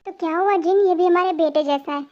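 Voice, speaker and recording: A woman's voice: very high voice, fairly quick. A woman voicing a stern, strict father in an amateur fan dub, firm and commanding. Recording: dull lo-fi home recording.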